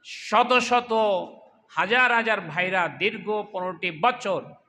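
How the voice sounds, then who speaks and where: A man giving a fiery political sermon to a crowd, asking rhetorical questions and swinging between loud cries and low asides. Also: slow pace, a little hiss or hum. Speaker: Islamic political speaker.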